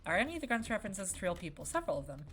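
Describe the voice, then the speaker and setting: A young woman game developer chats casually over her own playthrough, answering viewers' questions as she goes in a wandering let's-play commentary. Her mid-range voice is sing-song and a bit bright, and she talks at a racing pace.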